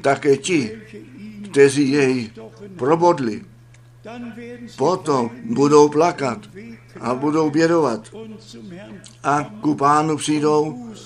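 A man preaching a sermon to his congregation, reading scripture verses slowly and solemnly. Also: a little high.

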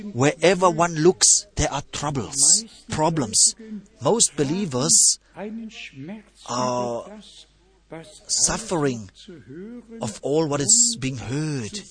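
Slow, emphatic male preacher. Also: fairly high pitch. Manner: slow, emphatic, repeats phrases, stresses scripture. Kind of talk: sermon.

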